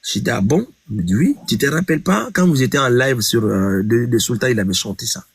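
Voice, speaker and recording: A man's voice: medium pitch, animated, a little fast, vocal fry, slightly rough, no room sound. A man from Guinea, a singer telling an interviewer about a song dispute and replaying each exchange with emphatic repeats. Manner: retells conversations, repeating "j'ai dit", emphatic. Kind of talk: interview storytelling.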